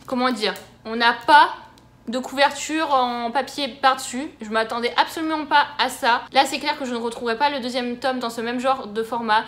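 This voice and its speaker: A woman's voice: high voice, a bit bright. A woman chatting casually to camera as a book vlogger, talking through her latest book haul in a chatty, enthusiastic way. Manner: chatty and enthusiastic, with frequent fillers.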